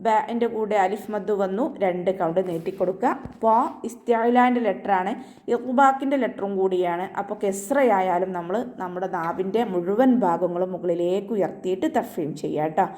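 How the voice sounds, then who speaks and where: This is an online tajweed class in which a woman instructor breaks down every recitation rule with patience, softly tacking "ട്ടോ" onto her phrases. She chants the Quranic verses at a slow pace in a higher, elongated voice.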